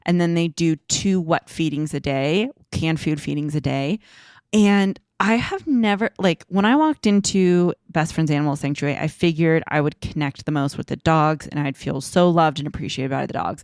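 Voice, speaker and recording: A woman's voice: deep voice, darkish tone, dry recording, clean studio sound. A woman co-hosting a casual podcast chat, rambling and emotional, often breaking into laughter. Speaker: podcast co-host.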